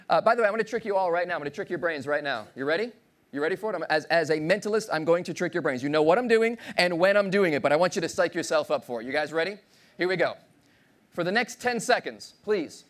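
A man in his thirties delivers a keynote from a big conference stage, his voice swinging widely up and down as he jokes with the crowd. He pitches a little higher than most men and speaks through a body mic. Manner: animated, playful, audience-engaging, acts out voices. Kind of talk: motivational keynote speech. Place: large conference stage with audience.

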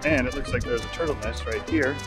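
A man's voice: mid-range voice, a little fast, over loud music. A man in his forties chatting casually as a travel vlogger, filming outdoors at a beach and in a car. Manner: chatty, joking tour-guide talk.

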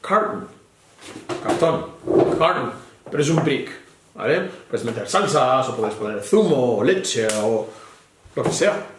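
Patient bilingual male teacher, lively voice. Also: mid-range voice, takes it slowly, pauses often. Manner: patient, spells words letter by letter; switches between English and Spanish. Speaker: English teacher. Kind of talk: bilingual one-on-one lesson. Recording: echoey room with background noise.

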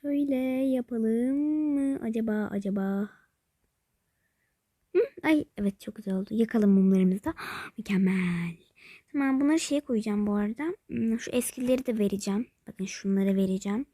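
Woman chatting through her game, kinda high voice, muses out loud, slips into whispers a lot, dry close sound. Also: fairly quick, no room sound. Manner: chatty, thinks aloud, often drops to a whisper; calls viewers by pet names. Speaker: game vlogger. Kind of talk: casual play-along narration of a mobile game.

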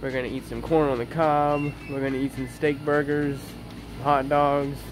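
A man's voice: a little high, little pitch movement, normal speed. A young man, chatting casually and upbeat to his phone camera at arm's length outdoors, rambling with lots of fillers. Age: 20s. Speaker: vlogger. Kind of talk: casual vlog chat. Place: outdoors beside a house, and a kitchen. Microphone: handheld phone camera at arm's length. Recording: noisy outdoor phone recording.

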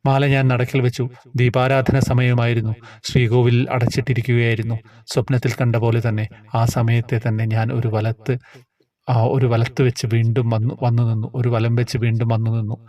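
A man calmly and earnestly reading out a devotional personal story. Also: mid-range voice, moderate pace. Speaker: narrator reading a submitted story.

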